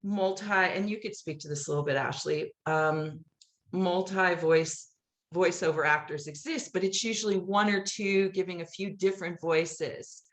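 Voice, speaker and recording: The guest is a middle-aged woman and musical playwright whose interview stories come out chatty and animated, full of acted-out dialogue from memory. Her lowish voice keeps a moderate pace. The room adds a lot of echo.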